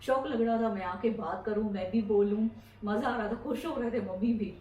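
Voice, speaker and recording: A woman's voice: mid-range voice, normal speed, a little mellow, echoey room, slight background noise. A middle-aged woman from India chatting her way through a casual home vlog, rambling about her daily chores. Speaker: vlogger. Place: home interior.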